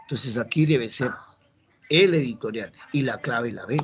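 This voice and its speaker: A man's voice: medium pitch, normal speed. A male teacher from Peru explaining a grammar lesson step by step and checking in with his students. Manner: explains step by step, asks the class checking questions. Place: classroom.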